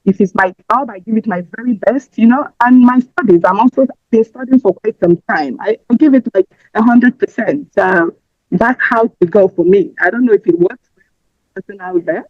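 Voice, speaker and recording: This podcast guest, a woman from Nigeria, answers interview questions casually, rambling with fillers and restarts at a moderate pace. Her pitch is medium. There's no room sound, and the dry audio is slightly muffled.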